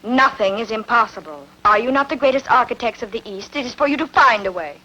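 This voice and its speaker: In a film dub, a woman voices an imperious, ruthless queen pining for a lost lover, her delivery commanding, regal and assured. Her voice is on the high side, expressive and quick, pushed and bright, though the audio is dull.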